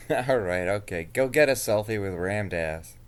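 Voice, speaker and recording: A man's voice: lowish voice, expressive, unhurried, a little hiss or hum. A man talking casually in an improvised role-play, blunt and offhand, with a dismissive streak.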